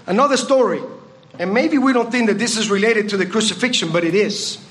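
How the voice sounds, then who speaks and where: Speaking fairly quickly, this communion speaker has a high, fairly bright voice. He's a Puerto Rican-accented man offering a reflective meditation during a church service and asking the congregation questions.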